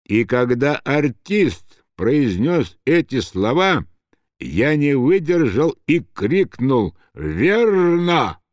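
A man voicing a drunk young officer who shouts with slurred, swaying speech. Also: medium pitch, big pitch swings, slow, dry recording. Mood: drunken.

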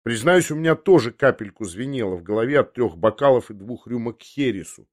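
A man reading a classic novel aloud with measured storytelling. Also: medium pitch, animated, no room sound, studio quality. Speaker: audiobook reader. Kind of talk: literary narration.

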